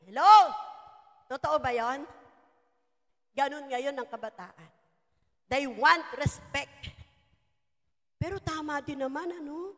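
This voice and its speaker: High-voiced woman pastor preaching. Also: takes it slowly, pauses often. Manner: lively preaching, mixing Tagalog and English, calling out to the congregation. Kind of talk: sermon. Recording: reverberant church hall.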